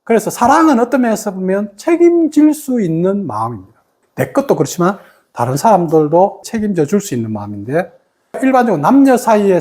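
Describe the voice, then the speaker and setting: A woman leads a meditation lesson in an animated voice. Her pitch swings widely as she slips into other people's voices to make her points. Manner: animated, acts out quoted speech of others. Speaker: meditation teacher.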